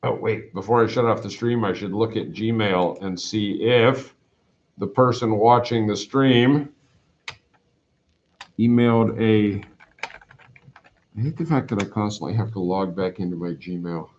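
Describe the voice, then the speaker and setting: Here a Canadian math teacher in middle age talks to his class in a loose, rambling, self-mocking manner, standing in a room with a whiteboard. His lowish, slightly mellow voice moves at a measured pace, broken by long pauses. It was filmed by a camera across the classroom, leaving a dull, roomy sound.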